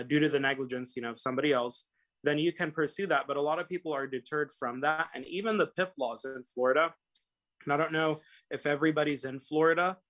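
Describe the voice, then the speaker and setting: A young man from Los Angeles with a mid-range, slightly bright voice chats casually as a guest. He's a personal injury attorney, and his call-in talk rambles along with lots of fillers and restarts.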